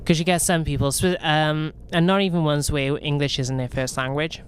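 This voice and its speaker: A young Welshman with a light, softened accent chats casually with viewers as he plays a game, rambling and restarting his sentences like a typical gaming streamer. His voice sits on the high side, steady in tone and moderately paced, with a faint hiss or hum in the recording.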